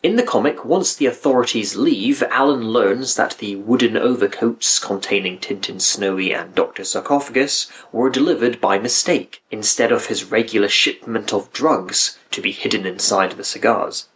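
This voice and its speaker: A man's voice: fairly low pitch, normal speed, hardly any pauses, a bit bright. A man reading scripted review narration with dry, critical asides. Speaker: video essay narrator.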